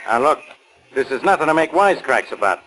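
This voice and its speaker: An American actor playing a gruff, exasperated police inspector who barks orders brusquely in 1940s radio style. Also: male voice, mid-range voice, sing-song, brisk, bright, forceful tone, rough recording. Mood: stern, irritated. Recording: vintage 1940s radio recording.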